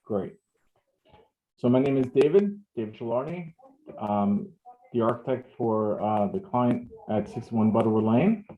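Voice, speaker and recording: A man's voice: medium pitch, a little slow. A man as an architect on a breaking-up call, audio dropping in and out, dull lo-fi sound, hesitant. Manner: hesitant, asks repeatedly if he can be heard. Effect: video call audio cutting in and out. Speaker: architect presenting to a town board. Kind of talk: remote meeting presentation. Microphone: video call.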